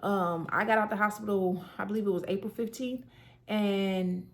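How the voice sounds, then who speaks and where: A woman's voice: mid-range voice, fairly even intonation, moderate pace. A woman in her thirties sharing her own story in casual talk, earnest and conversational with many fillers. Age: 30s. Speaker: person sharing a health story. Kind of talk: casual personal testimony.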